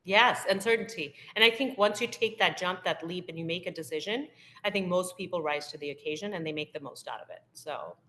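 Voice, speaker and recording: Woman, low-pitched, podcast guest, earnest, emphatic, rhetorical questions. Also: fairly quick, pushed and bright. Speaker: podcast guest, impact investor. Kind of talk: conversational interview.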